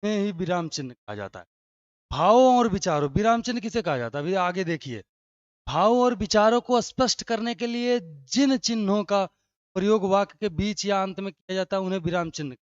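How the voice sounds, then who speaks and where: A man's voice: sits high, lively intonation, fairly quick, clean tone, no echo. A man teaching a grammar lesson online, explaining step by step and asking questions that he answers himself. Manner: frequent checks of "right?" with listeners. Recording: dry, dull lo-fi sound.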